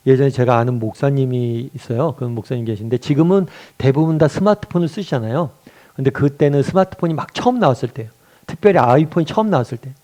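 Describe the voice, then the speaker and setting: A man's voice: medium pitch, mellow. A middle-aged male pastor preaching a sermon, asking rhetorical questions and answering them himself, rising to emphatic peaks.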